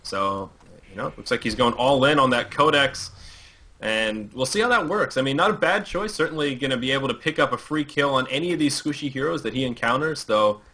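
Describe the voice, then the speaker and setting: A man's voice: medium pitch, a little fast, sharp tone. A man co-casting a live game over a voice call, easygoing and joking, often stumbling and restarting. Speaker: esports caster. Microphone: headset over voice call.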